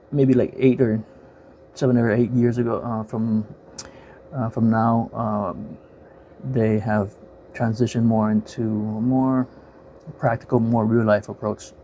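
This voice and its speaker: A man's voice: medium pitch, mellow, a little hiss or hum. A man giving a casual, rambling movie review, full of filler words and self-corrections, frank and opinionated.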